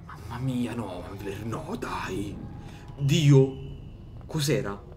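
A man's voice: mid-range voice, very slow, noisy background. Jumpy, swearing man commentating a horror game. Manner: jumpy, swearing, joking to himself. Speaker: gaming streamer. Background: game music.

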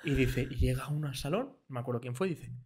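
A young man from Spain telling stories in a casual podcast chat, animated and swearing freely, sometimes mimicking other people's voices. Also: medium pitch, fast talker, heavy background noise. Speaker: podcast co-host.

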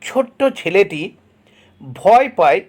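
High-voiced, animated man teaching a lesson. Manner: slow, drawn-out reading of English example sentences; repeats and breaks words into syllables. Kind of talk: explaining an English textbook lesson.

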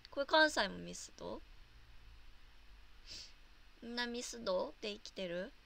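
Bright giggly young Japanese-born woman streamer. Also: on the high side, lively intonation, unhurried, gravelly, slight background noise. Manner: giggly and chatty, laughing often. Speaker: livestreamer. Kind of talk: casual chat reading viewer comments.

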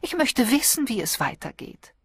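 A woman's voice: high voice, very animated, normal speed, husky, no room sound, studio quality, pitched above the performer's own voice, full character voice. A woman voicing a pretty, scatterbrained young woman who whines and hesitates, in an audiobook. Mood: pleading. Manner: whiny, hesitant.

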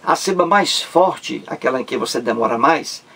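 A man's voice: medium pitch, lively intonation, moderate pace, pushed and bright, slightly rough. A man teaching a Portuguese grammar lesson on video, stretching out syllables and repeating words to stress them.

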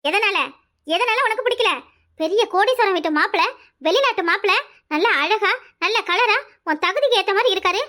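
A scheming, bossy village mother from a cartoon squeals her scolding in a very high, piercing tone, voiced by a woman. She speaks with a Kanyakumari Tamil accent and a rapid, nagging rhythm. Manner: shrill, scolding, fast, rising to yells. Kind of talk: cartoon voice acting.

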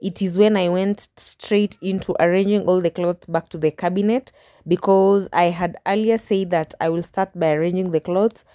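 With a fairly low, mellow voice, a young vlogger narrates a casual home video while tidying her bedroom. Recorded on her phone, she chats to viewers about what she's doing, occasionally restarting her sentences.

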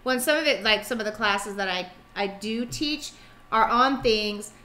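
A woman co-hosting a faith conversation, an animated storyteller who acts out the people in her anecdotes. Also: a little high, moderate pace, slight background noise. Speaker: ministry co-host and class teacher.

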